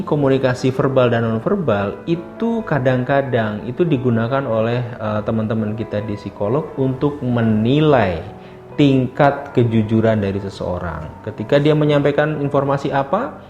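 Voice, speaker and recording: A man's voice: mid-range voice, lively intonation, moderate pace, a little mellow. Casting note: male lecturer, chatty and friendly, roomy sound, slightly dull audio, faint music behind. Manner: addresses listeners as friends, many tag fillers. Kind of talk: casual lecture.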